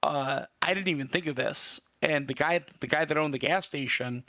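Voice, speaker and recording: A man's voice: a little high, moderate pace, pushed and bright, dry recording. A man from Michigan, a podcast guest, telling a story in a rambling way with lots of fillers and casual swearing. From Michigan, USA.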